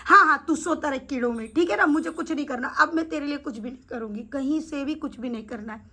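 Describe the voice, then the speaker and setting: A blunt temple servant woman who scolds and sulks when teased, voiced by a woman telling the tale. Her voice is high and bright. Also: fast. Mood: sulking. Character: irritated female temple servant, blunt and demanding.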